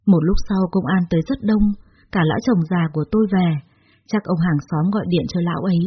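A woman narrates a dramatic first-person story in a steady, dramatic tone. Her voice is breathy. The recording sounds dull and muffled. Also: fairly low pitch, fast. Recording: dull lo-fi audio.

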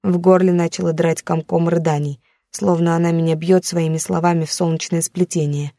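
Woman narrator, first-person audiobook, lowish voice, dry close recording. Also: flat delivery, fairly quick, dark tone, no room sound.

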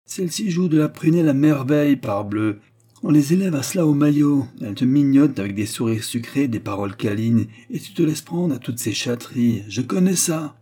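A man's voice: mid-range voice, expressive, brisk, dark tone, breathy edge, pitched above the performer's own voice. A man voicing an irascible, woman-hating old male professor who scolds fiercely and sarcastically. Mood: angry.

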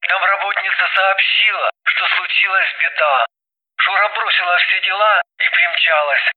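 A man's voice: high-pitched, normal speed, no echo. A man voicing a grim, shaken man who talks through a phone-line filter in a subdued, resigned way. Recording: tinny phone line, distant.

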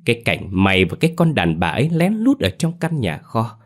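A man's voice: low-pitched, animated, brisk. A man voicing an old grandmother who harshly scolds her grown son in a spoken ghost story. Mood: angry scolding.

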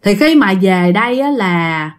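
A woman's voice: medium pitch, lively intonation, unhurried. A woman with a Southern Vietnamese accent telling a ghost story in a chatty way and speaking directly to listeners. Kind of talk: casual ghost story narration.

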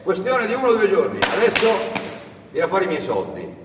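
A man's voice: high-pitched, wildly swooping pitch, brisk, noisy background, pitched above the performer's own voice. A man voicing a fat, scheming male smuggler who taunts and laughs, in a live storytelling performance. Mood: mocking. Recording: echoey hall from far off.

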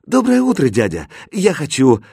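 An eager, naive boy from a fairy tale, put on by a man reading aloud. His voice jumps up high and bright with excitement. The delivery swings widely, with a dry close sound. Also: normal speed, slightly rough, no echo. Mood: delighted.

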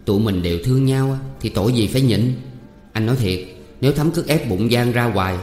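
A man's voice: medium pitch, animated, a little fast, a little mellow, close to an everyday voice. An eager, pushy young landowner's son with a Southern Vietnamese accent, read out by a man, coaxing and teasing his sweetheart in a storybook. The voice carries a long roomy reverb with faint music underneath.

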